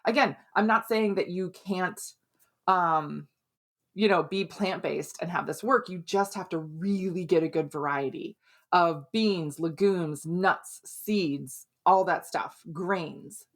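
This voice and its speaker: A middle-aged woman from Minnesota giving casual health advice, chatty and quick with asides, often tagging on "right?". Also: on the low side. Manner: chatty, keeps asking "right?". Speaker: health and hormone coach. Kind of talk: casual advice talk to camera.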